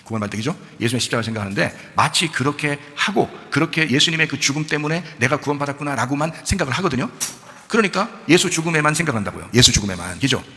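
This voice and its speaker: A man preaching at a very fast clip, his voice bright and sharp-edged. He keeps firing rhetorical questions at his congregation and answering them himself, rising and falling in a lively, animated way. His words trail off into the long reverb of a church hall. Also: on the high side. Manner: animated, jumps between quiet asides and loud emphasis. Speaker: pastor. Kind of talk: sermon. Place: church sanctuary.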